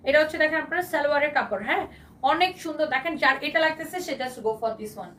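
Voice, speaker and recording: Woman, Bangladeshi Bengali accent, hoarse, rapid-fire live sales pitch, a bit far from the mic. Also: animated, a bit bright, slight background noise. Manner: enthusiastic, repetitive, mixes English phrases. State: hoarse from shouting. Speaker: live-sale fashion seller.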